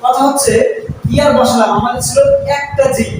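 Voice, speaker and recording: A man's voice: very high-pitched, fairly even intonation, a little fast. A male English teacher explaining grammar step by step to a class and asking them questions. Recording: echoey classroom, distant mic, noisy.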